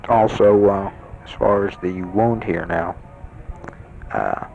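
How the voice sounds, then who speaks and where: A young man lies in a hospital bed, speaking quietly into a handheld tape recorder as he rambles through an audio letter home, full of fillers. His voice is lowish and slow with vocal fry, and the close-held mic gives a dull lo-fi home-tape sound. Soft music plays and other patients chat in the ward around him.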